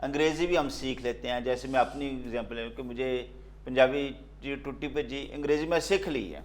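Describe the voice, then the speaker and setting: A man as a Pakistani talk show host. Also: mid-range voice. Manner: conversational, anecdotal, frequent affirmations. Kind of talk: interviewer questions.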